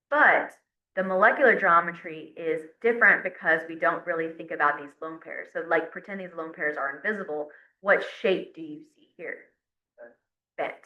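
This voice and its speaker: A woman teaching a chemistry class, explaining step by step in a casual classroom lecture and sometimes counting aloud at the board. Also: fairly low pitch. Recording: roomy, dull lo-fi classroom recording.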